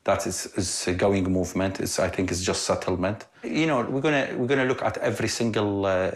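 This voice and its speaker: A man from Iraq, a property developer, answering interview questions in halting, slightly broken English with many pauses. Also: fairly low pitch, fairly even intonation. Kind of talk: on-site interview.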